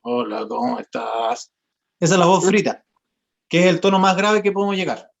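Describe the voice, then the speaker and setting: Young guy coaching singers on a video call, high-ish voice, patient, explains step by step. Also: fairly even intonation, fast. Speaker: voice therapist and singer giving a workshop. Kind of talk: explanatory online lesson. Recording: dull lo-fi video call audio.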